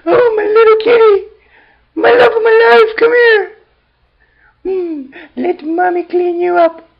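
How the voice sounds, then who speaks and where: A woman's voice: sits high, lively intonation, slow, heavily acted. A woman voicing a gushing, tearful crazy cat lady. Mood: doting baby talk. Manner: gushing, emotional, stammering, baby talk to the cat. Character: lonely, tearful, cat-obsessed woman on a dating video. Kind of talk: cartoon parody acting. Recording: slightly muffled lo-fi audio.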